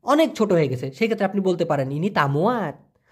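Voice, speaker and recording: Racing through a casual vocabulary lesson, a male language teacher sounds very animated, his high voice a little mellow with a breathy edge. He repeats each word and explains it using everyday examples, keeping the tone colloquial and chatty.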